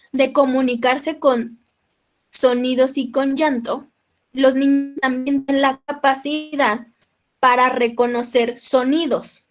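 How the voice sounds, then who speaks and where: A woman with a Mexican accent lectures a class, checking in with her listeners often and clearing her throat now and then. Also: high-pitched. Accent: Mexican Spanish. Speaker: teacher.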